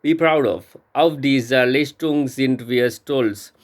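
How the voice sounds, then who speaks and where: A man learning a language, reading vocabulary and example sentences aloud from a textbook in a careful, halting way with frequent restarts. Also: mid-range voice.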